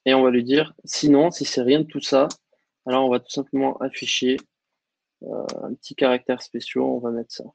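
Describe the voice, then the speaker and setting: A man teaching a coding lesson over a screen share, explaining in a relaxed way with lots of fillers. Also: mid-range voice, normal speed, creaky, no room sound. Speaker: coding instructor.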